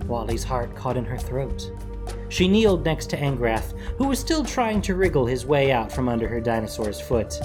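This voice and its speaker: A narrator reading a fantasy story in an animated, expressive way. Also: mid-range voice, normal speed. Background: background music.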